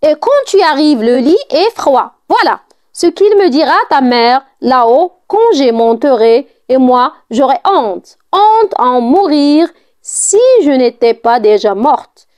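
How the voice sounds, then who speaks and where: A woman's voice: high voice, animated, takes it slowly, a little mellow. A woman reading aloud in the part of an old nurse, scolding and fretful, with indignant outbursts. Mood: lamenting.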